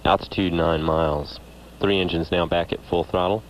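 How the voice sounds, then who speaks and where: A man reporting as a mission control commentator in a measured, factual way. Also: sits low, fairly even intonation. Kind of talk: flight commentary. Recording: faintly noisy mission control feed.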